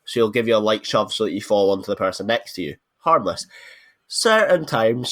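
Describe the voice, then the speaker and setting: A British man chatting casually as a podcast co-host, telling stories in a chatty way. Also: mid-range voice. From United Kingdom. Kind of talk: casual chat.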